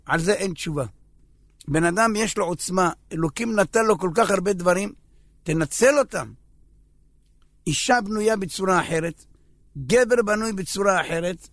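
High gravelly-voiced man telling comic stories. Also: a bit bright, no room sound. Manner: joking storyteller acting out scenes. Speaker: religious speaker. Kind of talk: humorous sermon.

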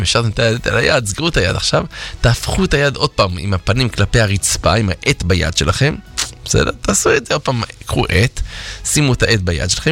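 A man runs a self-help exercise from a radio studio, talking listeners through each step. His voice rises and falls with a very lively pitch, and he teases and asks rhetorical questions as he goes. Faint music plays softly behind him. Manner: animated, rhetorical, playfully teasing. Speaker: self-help workshop instructor.

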